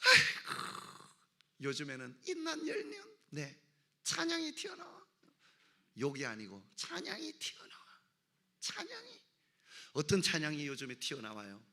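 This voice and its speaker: A woman leading worship in a church, animated and comic, breaking into shouted exclamations. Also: deep voice, normal speed, long pauses. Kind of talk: lively church exhortation. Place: church sanctuary.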